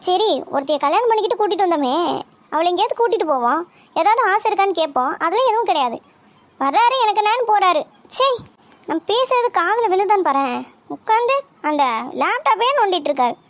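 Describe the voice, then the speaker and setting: This is a teasing, sharp-tongued young wife from a cartoon, voiced by a woman. Her voice sits very high, and her lines come out fast and scolding. She stays stubborn and playful throughout. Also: expressive, no echo. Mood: grumbling. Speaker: wife in a cartoon family story. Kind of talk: cartoon voice acting.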